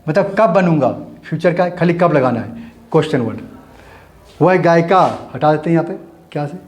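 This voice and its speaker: A man's voice: fairly high pitch, animated, a little fast, darkish tone. A man teaching an English grammar lesson, explaining each rule step by step and repeating key points as he writes. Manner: repetitive, explains step by step while writing. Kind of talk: Hindi-medium grammar lesson.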